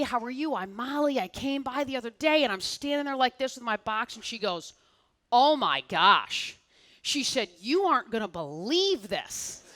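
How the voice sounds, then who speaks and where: Middle-aged woman, keynote speaker, stage storytelling, bright and slightly high voice, lively, plays out the dialogue. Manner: animated, acts out both sides of dialogue. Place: conference stage before an audience.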